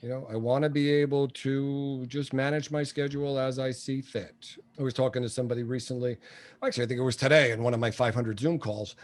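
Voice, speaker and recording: A man's voice: medium pitch, steady tone, brisk. A man in his sixties, a guest entrepreneur and coach, talking bluntly and telling jokey stories in a casual interview. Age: 60s. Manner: blunt, joking storyteller.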